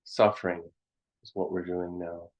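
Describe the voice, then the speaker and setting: On a muffled, dull-sounding recording, a male meditation teacher leads a guided session in a contemplative mood. His low voice barely shifts in pitch, and he speaks in short, hesitant phrases with lengthy silences between them.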